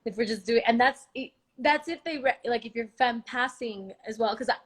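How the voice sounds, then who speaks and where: A young woman from Miami, hosting a casual talk, speaking frankly and profanely with animated exasperation. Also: a little high, moderate pace. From Miami, United States. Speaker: podcast host. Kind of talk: casual conversation.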